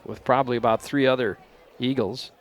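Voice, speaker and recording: A man calling a college football game play by play in a relaxed, unpolished way, sometimes unsure of player names. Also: mid-range voice, a little fast, a faint crowd. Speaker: play-by-play announcer. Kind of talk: local college football commentary.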